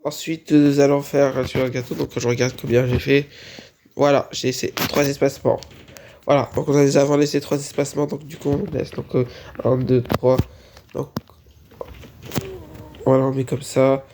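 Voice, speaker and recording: A Minecraft building tutorial creator, slightly sick and sneezing, narrates a casual game-building tutorial in a hesitant way, repeating "voilà" and "on continue." The voice is medium-pitched and flat, at a moderate pace with frequent pauses, over background noise.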